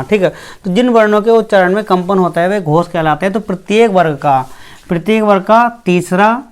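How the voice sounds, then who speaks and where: A teacher giving a grammar lesson, who asks the class questions, answers them itself, repeats each point and slowly sounds out each letter. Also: mid-range voice. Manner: repeats points and fills with "theek hai".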